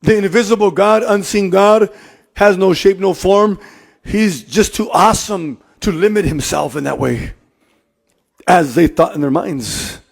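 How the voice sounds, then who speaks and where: Preacher guy, high gravelly voice, flips between two languages, gets loud and repeats himself. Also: slow pace. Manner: switches between English and Spanish, repeats phrases, rising to emphatic shouts. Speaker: pastor. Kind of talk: bilingual sermon.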